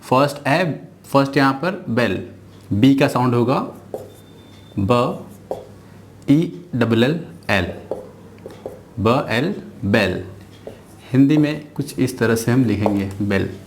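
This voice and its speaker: An Indian man teaching an English phonics lesson, spelling out each sound slowly and repeating every word. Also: medium pitch, lively intonation, a little hiss or hum.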